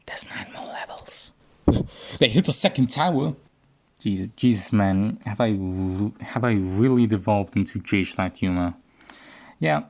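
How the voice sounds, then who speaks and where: A man's voice: fairly low pitch, darkish tone. A young man casually commenting on a video game, joking and self-mocking as he rambles through it. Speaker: gaming video host.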